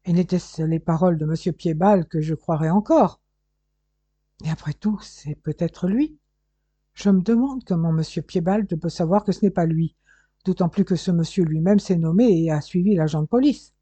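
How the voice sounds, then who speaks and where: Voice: medium pitch, normal speed, warm tone, slightly rough, no room sound, close to an everyday voice. A reader voicing a frightened young woman. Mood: worried.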